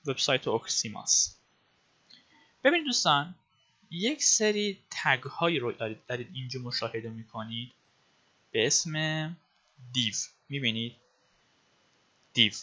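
Bright-voiced tutor on a dull recording. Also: male voice, medium pitch. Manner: explains step by step, frequent "uh" fillers, addresses viewers as friends. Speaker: web design instructor. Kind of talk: screencast coding tutorial.

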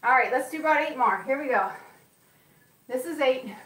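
High-voiced woman coaching a workout class. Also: expressive, normal speed, a bit bright. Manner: encouraging, counts reps aloud. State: occasional coughing. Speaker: fitness instructor. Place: gym. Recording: echoey room, mic far off.

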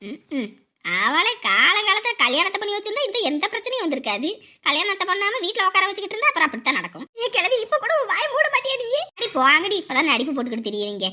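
Shrill high woman voicing cartoon villagers. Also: sing-song, fast talker, bright, forceful tone. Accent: Kanyakumari Tamil. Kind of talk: Tamil cartoon voice acting.

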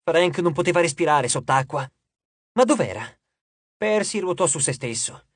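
A man narrating an audiobook with dramatic, expressive delivery and character voices. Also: normal speed, husky, no room sound. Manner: dramatic, shifts pitch and loudness for characters.

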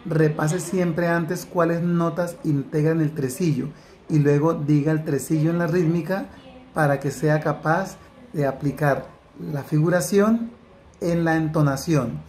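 A man's voice: fairly high pitch, steady tone, darkish tone. A man teaching a solfège lesson, explaining exercises step by step and singing note names and rhythm syllables. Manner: slow, deliberate explanation, breaking into sung syllables and counted beats. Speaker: music teacher.

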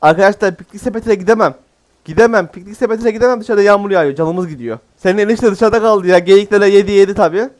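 A man's voice: sits high, fast, darkish tone. A man giving casual, jokey let's-play commentary as a gaming YouTuber, exclaiming often.

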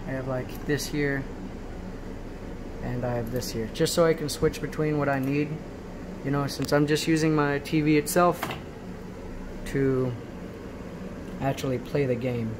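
Halting and frequently checking in, a man with a mid-range voice gives a casual tutorial at his laptop in a small room. He shoots the screen with a handheld phone, and the home recording is noisy with a steady hum.

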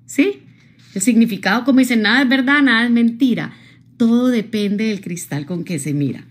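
A woman's voice: fairly high pitch, moderate pace. A woman, from Colombia, giving a live-streamed motivational talk, speaking expressively straight to her viewers and often checking in with them. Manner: expressive, addresses viewers directly, frequent tag questions.

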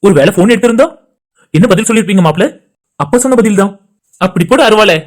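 A man's voice: high-pitched, animated, darkish tone. A man voicing friends in casual banter for a home-made cartoon. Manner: rapid, chatty everyday banter between friends. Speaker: cartoon channel creator voicing all characters. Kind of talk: cartoon dialogue voice acting.

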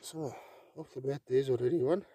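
A man's voice: mid-range voice, moderate pace, breathy edge, no echo. A middle-aged man narrating casually as he works in an outdoor vegetable garden. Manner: relaxed, commenting while digging. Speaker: homestead vlogger.

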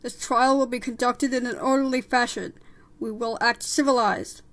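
A woman voicing a stern, formal elder male mouse who presides with deliberate authority in a storybook. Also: a little high, steady tone, fairly bright tone. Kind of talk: audiobook character voice.

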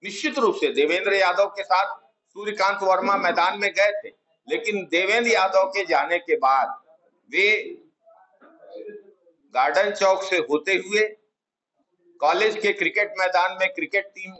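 Middle-aged man, high voice, formal press-statement delivery, measured and insistent, lapel mic indoors. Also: pushed and bright, rough recording. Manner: measured, emphatic, repeats key words for stress. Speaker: Congress party spokesman at a press conference. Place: small office room, indoors. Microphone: clip-on lapel mic, table of press mics.

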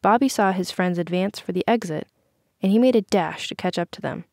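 Woman reading an audiobook, gravelly voice, dry close mic, steady pace. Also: fairly low pitch, a little fast, no echo. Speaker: audiobook narrator. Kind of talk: scripted narration.

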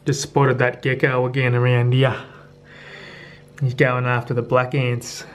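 A man's voice: medium pitch, completely flat delivery, unhurried, slight background noise. Crude joking Australian man vlogging. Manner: blunt, crude and joking, swears freely. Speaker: travel vlogger. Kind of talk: casual travel vlog commentary.

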